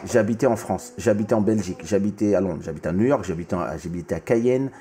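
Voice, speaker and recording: A man's voice: fairly low pitch, fast, noisy background. A man born in the Congo hosting a casual music interview, talking with many restarts and repeated words. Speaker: host.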